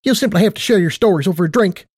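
A man's voice: high-pitched, expressive, racing, darkish tone, slightly rough, no echo, clean studio sound, voice pushed up. A man voicing a perky, affectionate female pony who teases and chatters in a bubbly way.

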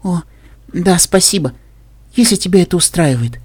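A man doing a timid, gentle pegasus mare. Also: high-pitched, lively intonation, moderate pace, husky, pitched above the performer's own voice. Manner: soft, timid. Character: shy gentle female pegasus.

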